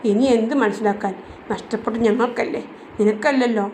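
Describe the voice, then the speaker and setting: A woman's voice: on the high side, fairly even intonation, fairly quick, darkish tone, slight background noise, natural voice, poor audio. A woman reading the part of a scornful young man in an audio novel. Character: scornful young man, dead man's friend.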